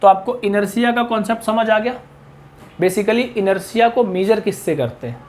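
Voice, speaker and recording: A man's voice: sits high, normal speed, darkish tone, slight background noise. A middle-aged man lecturing a class on physics, chatty and full of questions to his students. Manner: chatty, mixes English terms into explanations, asks the class questions. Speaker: physics teacher.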